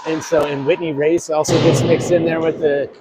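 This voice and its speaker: A man with a somewhat raised pitch hosts a local hockey webcast in a loose, conversational way. He leans on fillers and quick agreements. Steady rink noise sits behind his voice. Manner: chatty, filler-heavy, affirming. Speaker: hockey broadcast host. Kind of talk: casual pregame commentary. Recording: noisy arena ambience.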